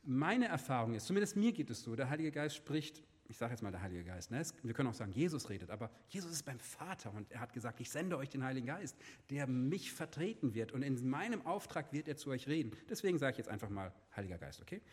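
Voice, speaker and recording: A man giving a sermon, asking his listeners questions and dropping to a soft, hushed voice when he speaks God's words. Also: mid-range voice, very animated, quick pace, hardly any pauses, slightly rough, big-room sound. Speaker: preacher.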